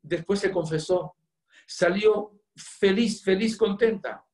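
A man preaching in an earnest, storytelling way, his voice pitched a little high for a man. He swings between loud emphasis and soft, hushed moments. The sound rings with a roomy echo. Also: slow pace. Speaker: priest. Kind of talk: storytelling sermon.

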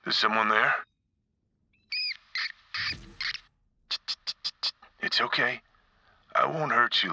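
A man's voice: medium pitch, pushed and bright, no echo, exaggerated voice. A man voicing a sane, kind-hearted but weary character in a video game, earnest and conversational. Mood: gentle, lonely.

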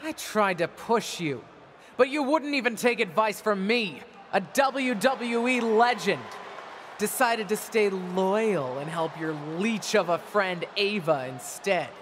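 An actress playing a bitter, proud middle-aged wrestling legend in a video game, delivering a taunting, theatrical wrestling promo. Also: female voice, medium pitch, animated, takes it slowly. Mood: scornful. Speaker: returning wrestler, former champion and manager. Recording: arena ambience noise behind voice.

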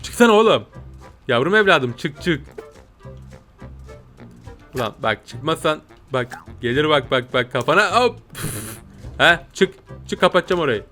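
Brief: young male streamer, bright forceful voice, excitable game commentary with squeals, music underneath. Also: unhurried, long pauses. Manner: excitable, jumps to high squeals and shouts. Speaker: gameplay streamer.

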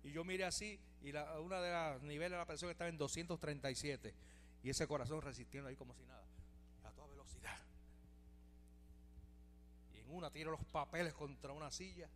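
A man's voice: fairly high pitch, brisk, pauses often, a bit bright, a little hiss or hum. A middle-aged Puerto Rican man preaching a fervent testimony in church, peppering his words with hallelujahs. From Puerto Rico. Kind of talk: evangelical sermon testimony.

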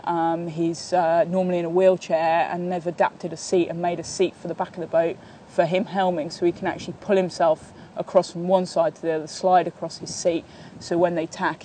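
A sailing coach and training partner in her thirties answers interview questions outdoors in a sunny park, speaking steadily with many fillers and restarts. Her voice is on the low side and warm, with a little hiss or hum.

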